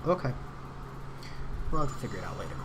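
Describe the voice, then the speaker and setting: This chatty male gaming streamer has a lively pitch and a quick pace, offering casual live commentary while playing and responding to chat. His voice sounds worn, and the background is noisy.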